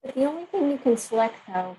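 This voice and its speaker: A woman speaking as a remote attendee over a video call, asking a hesitant, halting question during a live Q&A. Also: sits high, sing-song, dark tone, slight background noise, low-quality recording. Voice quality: call audio breaking up at times. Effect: remote caller's voice over a video call. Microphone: computer or headset mic on a video call.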